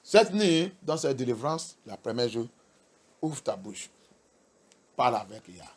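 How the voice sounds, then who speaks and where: A male pastor preaching a sermon with emphatic delivery, repeating key phrases and swinging from soft to loud. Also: medium pitch, animated, a little slow, breathy edge.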